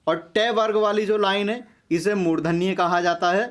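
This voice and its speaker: A man's voice: high-pitched, fairly even intonation, normal speed, a bit bright. A man teaching a grammar lesson for exam preparation, explaining step by step and often turning to his viewers as friends.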